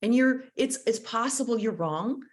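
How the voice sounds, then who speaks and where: A woman's voice: fairly high pitch, expressive, moderate pace. A woman leading a live online workshop on conflict mediation, speaking in a thoughtful, coaching way and sometimes searching for her words over a video call.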